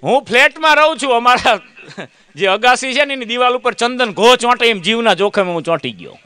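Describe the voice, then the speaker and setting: A man's voice: very high-pitched, expressive, brisk, bright, forceful tone, clear, resonant tone. A man doing a comic monologue, telling a chatty story, acting out other people's lines and teasing the audience. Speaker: comedian.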